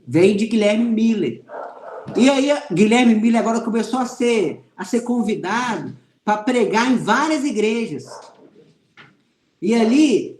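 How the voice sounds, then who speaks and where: A man's voice: very high-pitched, a little mellow, reverberant, slight background noise. A Brazilian man teaching an online Bible class, telling a personal testimony and speaking earnestly to his listeners as brothers. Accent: Brazilian Portuguese. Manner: earnest, speaks to viewers as "irmãos". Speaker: religious teacher.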